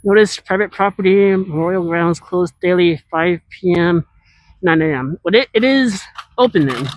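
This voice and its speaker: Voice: medium pitch, moderate pace, a little hiss or hum. An IRL streamer chatting casually with viewers while walking and scootering outdoors through a large city, rambling and answering chat as they go.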